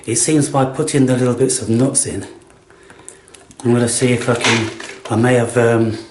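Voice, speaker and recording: A man's voice: medium pitch, steady tone, moderate pace, a little mellow. A man chatting casually to a pet in a coaxing, blokey way as he looks after it. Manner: coaxing, blokey, says "mate". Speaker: animal carer filming a home feeding. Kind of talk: casual murmured chat to a pet. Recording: echoey room, faint noise and clicks.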